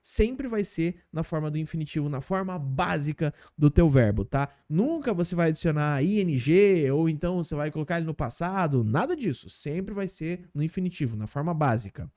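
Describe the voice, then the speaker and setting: Lively, mellow-voiced male English teacher. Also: a little high, moderate pace, few pauses. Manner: explains step by step, often checking in with "tá?" and "ó". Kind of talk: casual video lesson.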